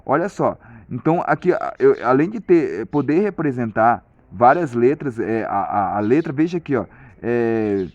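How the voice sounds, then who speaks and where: Man, casual tutorial presenter, halting and repetitive delivery; mid pitch, dull close recording. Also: sing-song, darkish tone, no room sound. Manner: hesitant, many restarts and repeated "compreende?". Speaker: video lesson presenter.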